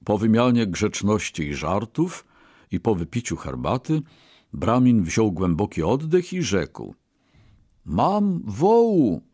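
A man reading a storybook tale aloud with a measured, expressive delivery. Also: lowish voice, dry recording, studio quality. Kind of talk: storybook narration.

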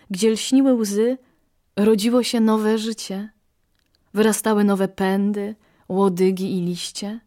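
A woman narrating a fable in a slow, measured storytelling manner. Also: mid-range voice, a little mellow.

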